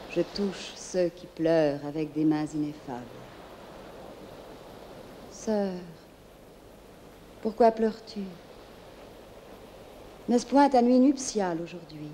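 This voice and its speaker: A serene feminine spirit of the night, consoles in a dreamy, lyrical film monologue. The voice is fairly low and very mellow, lingering tenderly on short phrases. A faint noise sits behind it. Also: female voice. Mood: hushed, consoling. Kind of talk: theatrical poetic monologue from a film.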